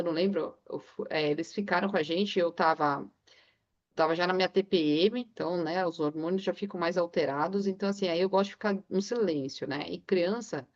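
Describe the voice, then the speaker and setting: A woman's voice: lowish voice, a little mellow, dull audio. A woman in a casual book club discussion, rambling through anecdotes with frequent filler tags. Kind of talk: casual chat.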